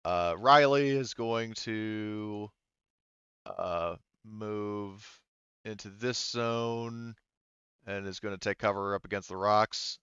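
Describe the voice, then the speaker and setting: A man acting as game master narrates a tabletop roleplaying game casually, thinking aloud haltingly and swearing freely. His voice is on the low side and a bit bright, with a clean tone, though the audio is dull and has no room sound.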